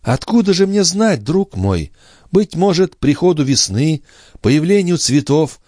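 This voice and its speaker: A man reading an audiobook voices a fragile, nervous young woman who talks in breathless, high exclamations. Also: sing-song, measured pace, darkish tone, no room sound, studio quality. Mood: agitated, fluttery.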